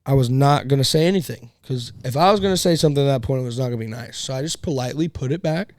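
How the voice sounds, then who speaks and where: A man co-hosting a casual podcast, telling a story in a loose, profane, animated way. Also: medium pitch, racing, no echo. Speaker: podcast co-host.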